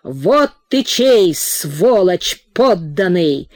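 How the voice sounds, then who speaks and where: A woman's voice: on the low side, very animated, extremely slow, darkish tone, dry recording, clean studio sound, full character voice. A woman voicing a furious, coarse male mine owner who barks insults and orders. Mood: raging. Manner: coarse, commanding.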